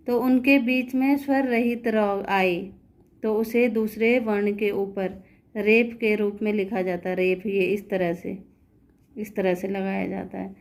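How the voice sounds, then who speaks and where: A woman's voice: medium pitch, a little mellow. A woman teaching Hindi grammar, explaining patiently and checking understanding with rhetorical questions. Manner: patient, repeating words slowly and asking rhetorical checks. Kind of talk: classroom-style explanation.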